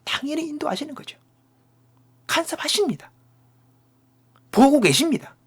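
A man preaching a sermon as a pastor and closing in prayer, speaking in short emphatic phrases and dropping into hushed whispers. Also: very high voice, animated. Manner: swings from loud declarations to hushed whispers; slow, emphatic phrasing broken into short pieces.

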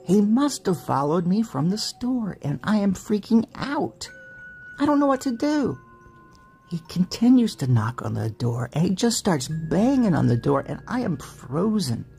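A woman reading a story aloud in a dramatic, expressive way. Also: a bass voice, a little hiss or hum. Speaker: story narrator.

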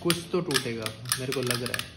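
A man giving casual, excitable commentary on toy battles as a video creator, chatting to his viewers. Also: mid-range voice, fairly quick. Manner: chatty, excitable, calls viewers "bhai" and "guys". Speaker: YouTuber. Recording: echoey room with loud noise.

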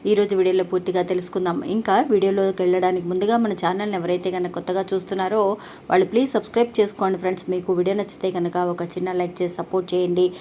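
A woman's voice: on the low side, level tone, racing, mellow, a little hiss or hum. A woman hosting a devotional channel, telling a story in an earnest, polite way with frequent restarts.

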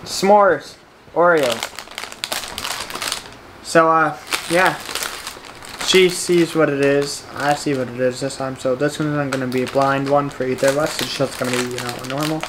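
A woman with a notably low voice hosts a casual taste-test vlog. She talks in an easygoing way, trailing off with fillers. A clear background noise runs under the home recording. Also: fairly even intonation, unhurried, long pauses. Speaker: vlogger.

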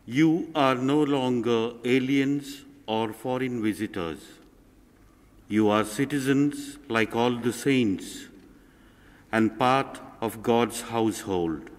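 A middle-aged man reading scripture solemnly at Mass, phrase by phrase, in the echo of a large church. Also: medium pitch. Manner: measured, phrase by phrase. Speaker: lay reader at Mass. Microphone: lectern microphone, speaking through face mask. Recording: echoey church hall, long reverb.

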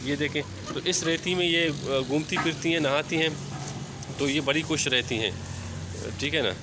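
A man talks casually as he walks around his rooftop yard. His voice sits fairly high and he keeps dropping in filler phrases. A phone camera picks him up outdoors, with steady ambient noise around him. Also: normal speed. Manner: chatty, repeats filler phrases. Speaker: poultry vlogger. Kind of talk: casual walk-through narration.

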